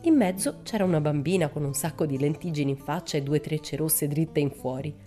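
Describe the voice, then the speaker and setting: A woman narrating a children's storybook in a measured, expressive way. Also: low voice, faint music behind. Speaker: audiobook narrator. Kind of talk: storybook reading.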